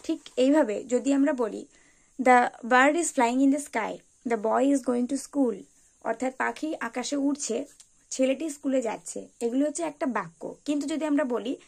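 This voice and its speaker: A woman's voice: high-pitched, measured pace, creaky. A woman teaching an English lesson for beginners, carefully spelling out example words one by one. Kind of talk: explanatory tutorial lesson.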